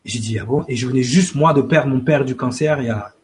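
A man telling a personal story in casual talk, acting out both sides of the dialogue and dropping lower and quieter in the emotional parts. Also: brisk. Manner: lively, acts out dialogue, repeats "j'ai dit".

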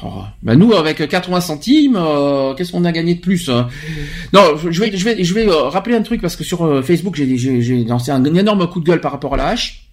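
A man's voice: fairly high pitch, expressive, a little fast. A man hosting a podcast, talking emphatically in a casual chat and often restarting his words. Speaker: podcast host.

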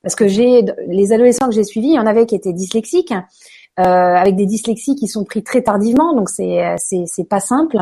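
Chatty hesitant French actress. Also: female voice, mid-range voice, fairly quick, warm tone, husky. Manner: many fillers, hesitant, chatty. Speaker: guest, stage actress. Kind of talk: casual interview chat.

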